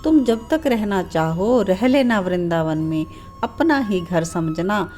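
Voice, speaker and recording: A tender, tearful young god Krishna, as a woman storyteller puts him on, pleading in a slow, heartfelt voice. The reading is unhurried, with soft music playing behind. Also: medium pitch, animated.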